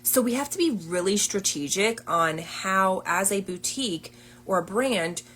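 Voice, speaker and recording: A woman's voice: mid-range voice, animated, measured pace, fairly bright tone. A woman business coach chatting casually on a livestream, upbeat and full of fillers.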